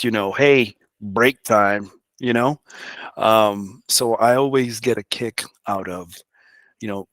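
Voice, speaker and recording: A man's voice: mid-range voice, dry recording. Candid conversational New man. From the Bronx, New York. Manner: candid, conversational, often adds "you know". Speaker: public works director, guest. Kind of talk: casual interview talk.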